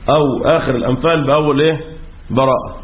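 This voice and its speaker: A man teaching Quran recitation rules in Egyptian Arabic, asking questions and answering them himself, often clearing his throat. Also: mid-range voice, steady tone, very fast, roomy sound. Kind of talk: religious lesson on recitation rules. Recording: tinny phone-like audio.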